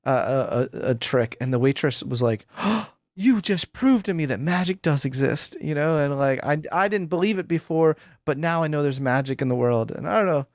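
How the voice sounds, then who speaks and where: A guest psychologist in his forties speaks in a slightly high voice with lively intonation, chatting animatedly and enthusiastically in a casual interview, full of fillers and laughter. He talks at a normal speed with few pauses. The studio-quality recording has no room sound, captured on a headset boom mic in a home room lined with bookshelves.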